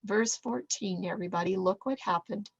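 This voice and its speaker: A woman teaching a Bible lesson to a small group, reading scripture aloud with lively emphasis. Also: mid-range voice, moderate pace, gravelly, husky, lo-fi sound.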